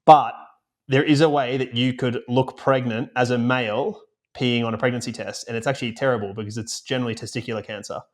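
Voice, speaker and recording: A man co-hosts a podcast in easy, casual chat, telling a long story at a quick clip. He rambles and restarts with plenty of fillers, his pitch sitting in an average range. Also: steady tone. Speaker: podcast co-host and producer. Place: remote, recording away from home.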